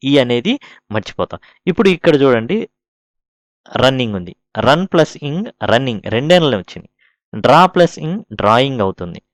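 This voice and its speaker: A man's voice: medium pitch, no room sound. A man, teaching an English grammar lesson. He explains patiently, spells words out letter by letter, and asks questions that he answers himself.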